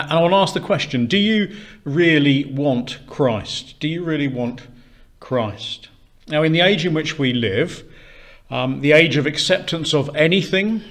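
A man with a fairly high voice delivers a sermon into a pulpit microphone in a church. He talks earnestly, asks rhetorical questions again and again, and often stops with "uh" before going on. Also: a bit bright. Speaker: preacher.

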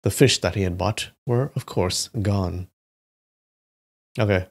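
A man reading old folktales aloud and breaking off for relaxed, joking asides to his viewers. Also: low-pitched, takes it slowly, vocal fry. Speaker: YouTube history host.

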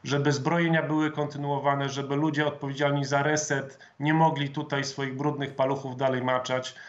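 A man in his thirties, a member of parliament, answering interview questions over a video call in a measured, formal way with some hesitant fillers. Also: medium pitch, little pitch movement. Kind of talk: political interview. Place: home office with flag, indoors. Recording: dull lo-fi video call audio.

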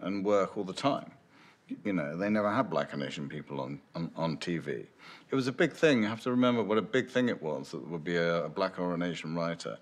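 Deep-voiced older man musing in an interview. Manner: thoughtful, musing, with frequent restarts and "you know". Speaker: screenwriter interviewed about his film. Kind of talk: reflective interview answers. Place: dim indoor room with lamps behind. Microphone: medium shot, seated, unseen mic.

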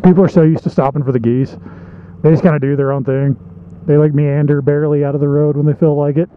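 A man giving excitable, joking commentary to his viewers while riding a small motorbike through town traffic, recorded outdoors on the road. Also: fairly high pitch, fast, smooth. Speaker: motovlogger. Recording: dull muffled sound with loud road and wind noise. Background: traffic and engine noise.

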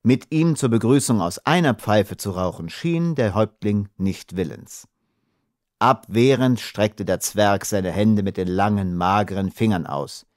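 A man narrating an adventure novel as an audiobook, reading in an expressive storytelling manner. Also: on the low side, unhurried, no room sound, clean studio sound. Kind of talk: scripted narration.

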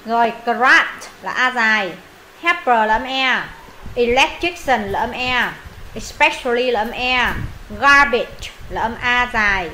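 This animated, unhurried teacher has a fairly high, bright and forceful voice, captured on a low-quality recording with slight hiss or hum. Teaching English pronunciation in Vietnamese, she models and repeats words for students and thinks aloud whenever she's uncertain.

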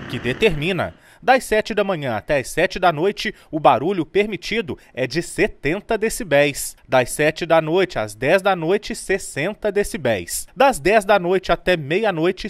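A man narrating a news report in a measured, informative way. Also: sits high, no echo.

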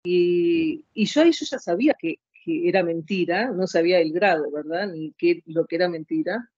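A woman's voice: fairly low pitch, normal speed, darkish tone, dry recording, highs cut off. A woman in her late fifties telling her own story as an interview guest, rambling and heartfelt. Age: 50s. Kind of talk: emotional personal account.

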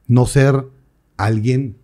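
A young adult priest chats casually in an interview. His voice is mellow and warm, pitched in a middle range, and he tells stories with lively quoted voices. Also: very slow. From Mexico. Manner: animated storyteller, acts out quoted voices.

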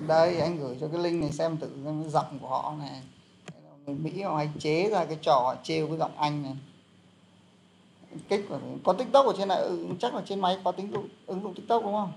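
Một người đàn ông dạy tiếng Anh, giảng giải kiểu trò chuyện thân mật với nhiều từ đệm. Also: male voice, fairly high pitch, brisk, vocal fry, a little mellow, slight background noise. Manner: chatty explaining, many fillers. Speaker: English teacher. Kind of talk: casual online lesson.

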